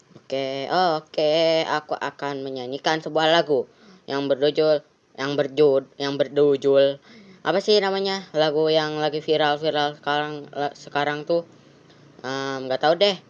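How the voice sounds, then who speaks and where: Slow-talking, jumpy horror-game streamer. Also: medium pitch, smooth, dull audio. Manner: jumpy, easily startled, talks to viewers. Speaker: gaming streamer. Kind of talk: horror game let's play commentary.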